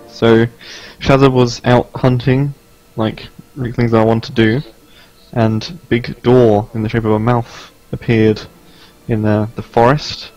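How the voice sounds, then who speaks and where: A man's voice: mid-range voice, darkish tone, muffled recording. A man playing a tabletop game, telling his character's backstory in a jokey, playful way. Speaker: player.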